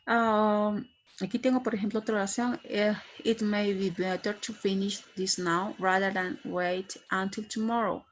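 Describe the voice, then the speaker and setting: A woman's voice: mid-range voice, little pitch movement, unhurried, lo-fi sound, a little hiss or hum. A middle-aged woman giving an English grammar lesson, explaining patiently and checking in with frequent tag questions. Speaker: English teacher.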